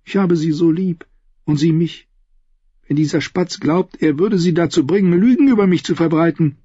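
Ein Mann liest die Dialoge einer jungen, verängstigten, aber trotzigen Königin in einem Hörbuch. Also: male voice, normal speed, dark tone, breathy edge, no echo, muffled recording. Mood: indignant. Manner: shrill, rising outbursts. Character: young queen, frightened yet fiercely defiant. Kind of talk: audiobook dialogue.

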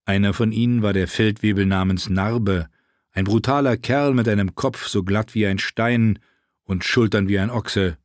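A man narrating a fantasy audiobook in a measured, even storytelling voice. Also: fairly low pitch, dry recording, clean studio sound. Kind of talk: scripted narration of fantasy fiction.

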